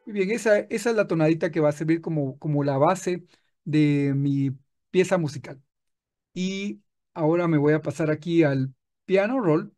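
Guy walking thru music software step by step, kinda high voice, soft mellow tone. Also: normal speed. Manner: patient, explains step by step with many restarts. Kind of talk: screen-recorded tutorial.

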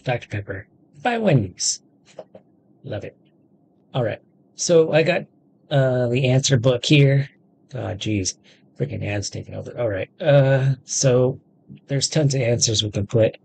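With a gravelly, slightly mellow medium-pitched voice, this man in his thirties plays a game a little slowly, leaving long pauses in his rambling let's-play talk. He's a gaming video host; faint game music, game audio, and a little hiss or hum are audible.

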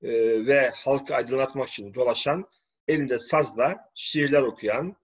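Husky man preaching scornful commentary. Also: mid-range voice, a little slow. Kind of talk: religious-political commentary monologue. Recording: dull lo-fi recording.

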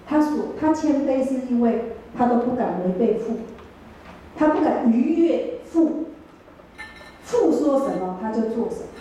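A woman's voice: on the high side, animated, a little slow, mellow, slight background noise. A middle-aged woman with a Taiwanese Mandarin accent giving a chatty sermon, asking her listeners questions as she goes. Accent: Taiwanese Mandarin, with Taiwanese Hokkien phrases. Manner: chatty, asks the room questions. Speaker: church speaker. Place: church hall. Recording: echoey church hall, mic far off.

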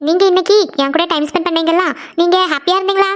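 A woman's voice: extremely high pitch, steady tone, quick pace, dull audio. A woman voicing a cheeky chatterbox girl. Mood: playful. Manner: teasing, giggly. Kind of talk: cartoon voice acting.

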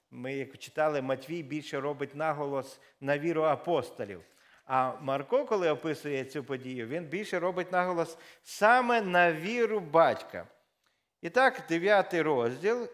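A man's voice: a little high, a bit bright. A man preaching a sermon in church, talking in a conversational way with frequent fillers and self-corrections, and reading scripture aloud with raised emphasis.

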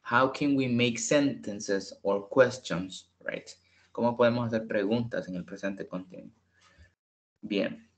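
A man teaching an online English lesson, explaining slowly in English and repeating the points in Spanish over a video call. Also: lowish voice, dull audio.

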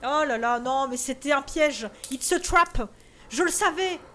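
A young French woman streams a horror game, jumpy and cursing, muttering to herself as the fright builds. Her voice is high and a touch bright, her pace a little slow, with a faint hiss or hum underneath. It's let's-play commentary from a gaming streamer.

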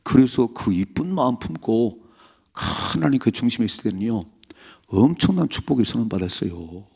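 A man's voice: medium pitch, very animated, moderate pace, gravelly, darkish tone, husky. A middle-aged pastor preaching an early-morning sermon, emphatic, acting out prayers and rebukes as he goes.

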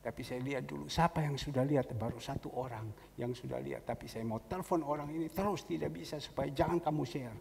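A middle-aged male pastor delivers a storytelling sermon in a church hall, speaking fast in a mid-range, gravelly, slightly mellow voice with hardly any pauses. He tells the story conversationally and acts out the voices of the people he quotes. The recording is echoey, with faint noise.

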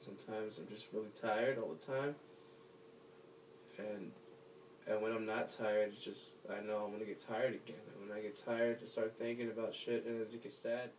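A man's voice: on the low side, steady tone, a little mellow, far from the mic, a little hiss or hum, natural voice. A man playing a lonely heartbroken young man. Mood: hopeless. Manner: halting, despairing, trailing into mumbles. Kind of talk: short film drama monologue.

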